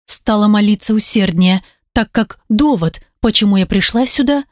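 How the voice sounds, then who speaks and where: Woman narrating an expressive audiobook. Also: mid-range voice, moderate pace, no room sound, clean studio sound. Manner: expressive, voices characters. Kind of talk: audiobook reading, first-person narration.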